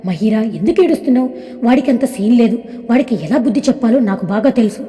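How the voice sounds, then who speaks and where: A woman's voice: on the high side, quick pace, dark tone, long reverb tail, lightly acted. A woman voicing a confident young man who firmly reassures a frightened woman. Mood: reassuring. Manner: reassuring, firm.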